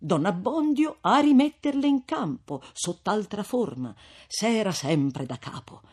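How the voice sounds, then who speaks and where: A man narrates a classic novel for an audiobook. His husky voice moves widely in pitch, and he slows down dramatically for key moments. The delivery is expressive and theatrical. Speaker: audiobook reader.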